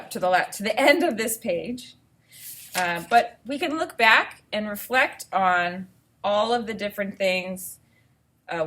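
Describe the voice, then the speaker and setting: Reading to a class of young children, this female elementary teacher has a medium-pitched voice. She thinks aloud as she goes, walking them through ideas step by step in an instructive manner.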